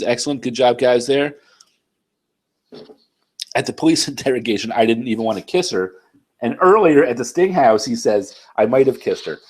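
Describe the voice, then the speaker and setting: A man with a cold and a nasal voice, casually reading and bluntly answering viewer comments on his channel, clearing his throat often. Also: mid-range voice, a little mellow. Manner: blunt, profane, conversational, frequent throat-clearing. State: congested, sick with a cold.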